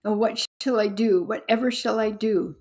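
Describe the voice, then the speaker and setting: A woman reading aloud voices a frightened young heroine who pleads and gasps in panic, higher and louder than her narration. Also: very animated, moderate pace, gravelly, slightly rough, full character voice. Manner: panicked, trembling.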